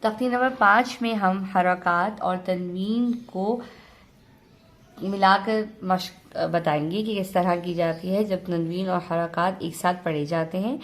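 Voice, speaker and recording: A woman teaching an online reading lesson. She sounds out syllables slowly and loudly, then explains quickly between drills. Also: on the low side, fairly even intonation.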